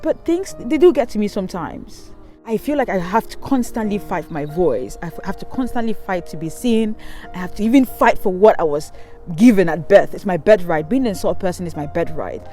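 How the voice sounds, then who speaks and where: Faint music sits behind a mid-range, mellow voice that moves fairly quickly and stays animated. A young Cameroonian woman records a loose, candid storytime for her channel by a river, holding the camera at arm's length and often pausing on ums or starting over.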